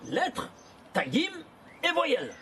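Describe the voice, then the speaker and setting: A man giving an animated lesson, asking questions and answering them himself in rapid bursts. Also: very high-pitched, a little hiss or hum. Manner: animated, asks and answers his own questions. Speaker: Torah teacher. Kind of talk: lively lesson on gematria.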